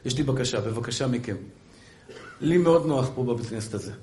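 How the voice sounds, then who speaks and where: A man, a rabbi giving a sermon to a congregation in a synagogue, who swings between hushed pleading and loud, fervent exhortation, firing off repeated rhetorical questions and calling listeners by endearments. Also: medium pitch, expressive, slight background noise. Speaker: rabbi giving a weekly lesson.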